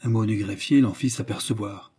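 Un homme lit un roman classique en livre audio, d'un ton posé et régulier. Sa voix est sombre, douce et un peu voilée, sans éclat. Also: male voice, fairly low pitch, moderate pace, dark tone, husky. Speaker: audiobook narrator. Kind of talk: scripted literary narration.

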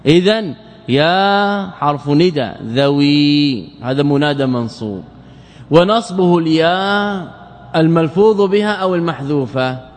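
A man's voice: on the high side, lively intonation, unhurried. A man giving a classroom grammar lesson, asking his students questions, answering them himself and repeating key phrases for emphasis. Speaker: teacher of Arabic grammar. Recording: long reverb of a lecture hall.

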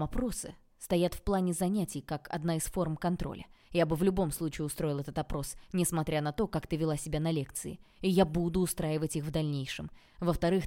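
A woman voicing a calm, stern young male lecturer who speaks in a measured, lecturing way in an audiobook. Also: deep voice, natural voice.

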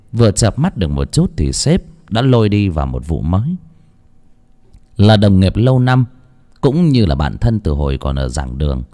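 A man narrating a dramatic audiobook in an expressive storytelling voice. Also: on the low side. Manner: expressive storytelling, lingering on phrases.

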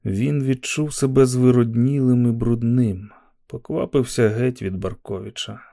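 Gravelly male audiobook narrator. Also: medium pitch, steady tone, unhurried, mellow, no echo, studio quality. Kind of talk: dramatic audiobook reading.

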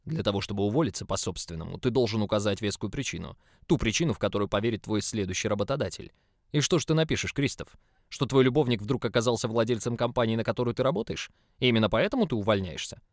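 A man's voice: fairly low pitch, lively intonation, quick pace, no room sound. A man voicing a huge, stubborn male boss who is possessive and insists, pleading one moment and icy the next, in a dry, close audiobook recording.

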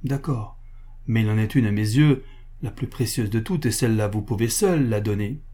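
A man's voice: lowish voice, moderate pace, mellow, lightly acted. A man reading the part of an infatuated, vexed prince in an audiobook, with a plaintive, flustered delivery. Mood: pleading.

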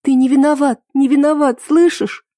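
A woman voicing an emotional young heroine in an audiobook, her lines pitched high and urgent. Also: normal speed, warm tone, breathy edge, no echo, clean studio sound.

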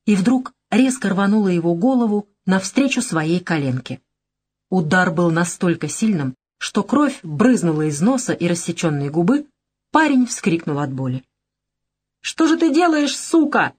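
A woman narrating an action audiobook in a steady, matter-of-fact reading. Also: lowish voice, normal speed, breathy edge. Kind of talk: scripted narration.

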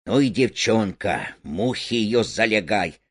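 A man reading a play aloud, voicing a sullen petty crook who speaks gruffly and low. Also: animated, slow pace, heavily acted. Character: petty street crook Shapshnev, sullen, threatening.

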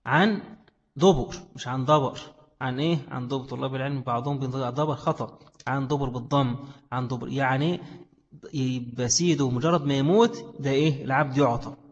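In an echoey hall, captured with dull lo-fi quality, a man teaches religious studies in an Egyptian Arabic accent. He works through a text, asking questions and answering them on his own. His pitch is medium and his tone steady, and he talks quickly.

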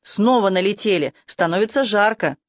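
A woman's voice: mid-range voice, animated, normal speed, no echo, clean studio sound, lightly acted. A woman reading the part of a breathless young male werewolf underling gabbling a plea for help, in a storybook audio reading. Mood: panicked.

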